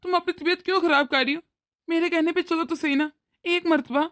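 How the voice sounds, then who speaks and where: A woman's voice: very high-pitched, steady tone, fairly quick, fairly bright tone. A woman voicing a young husband and son in a cartoon, anxious and pleading. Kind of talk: cartoon voice acting.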